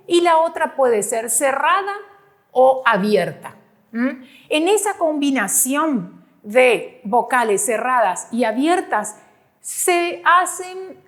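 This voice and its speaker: A woman teacher presents a grammar lesson over slides, patiently repeating points and checking understanding with short hums. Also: high-pitched. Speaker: school teacher.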